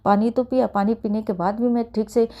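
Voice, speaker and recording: A woman's voice: a little high, fairly even intonation, fairly quick, muffled recording. A middle-aged woman telling a personal experience in earnest, often calling her listeners by a respectful address. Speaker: satsang sharer. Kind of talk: personal testimony.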